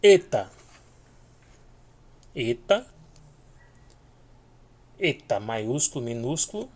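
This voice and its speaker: Male teacher, mid-pitched, drills each word slowly for students. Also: lively intonation. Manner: slow, repeating each letter name for learners. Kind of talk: video lesson.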